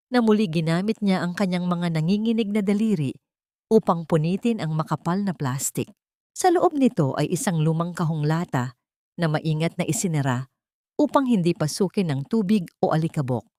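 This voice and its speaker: A woman with a Filipino accent reads a dramatic scripted story as a storyteller. Her voice is lowish with a darkish tone, captured in a dry recording with clean studio sound.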